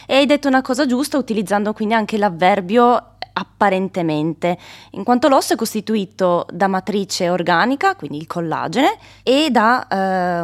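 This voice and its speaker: Young woman explaining her research carefully. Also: medium pitch. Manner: careful, technical, with hesitation fillers. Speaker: guest, doctoral researcher. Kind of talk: explanatory interview answers.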